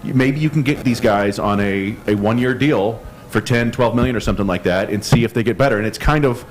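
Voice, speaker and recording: Casting: male podcast co-host, measured explainer, faint hiss behind him. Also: on the low side. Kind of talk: casual sports chat.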